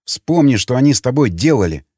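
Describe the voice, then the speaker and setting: A man's voice: mid-range voice, big pitch swings, a little fast, mellow, no echo, studio quality. A man voicing a gloomy, blunt male survivor who speaks curtly. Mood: grim. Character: grim, irritable male survivor.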